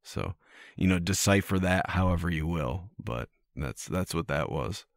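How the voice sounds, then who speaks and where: Man, very low voice, dry sound, teasing, stammers through restarts, podcast co-host. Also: expressive, a little slow, gravelly, dry recording. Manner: teasing, repeats words as he restarts. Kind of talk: casual chat.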